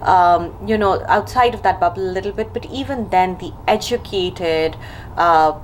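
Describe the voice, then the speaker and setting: A woman's voice: lowish voice, normal speed, rough recording. A woman from Lahore, Pakistan, speaking as a guest in a casual interview and telling her story candidly with frequent ums. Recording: faint background noise.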